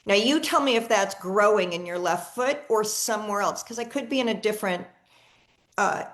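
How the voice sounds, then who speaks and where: A woman's voice: medium pitch, normal speed, fairly bright tone. A woman leading a live online energy healing session on a video call. She talks in a chatty, enthusiastic way and often repeats and restarts her words. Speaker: energy healer.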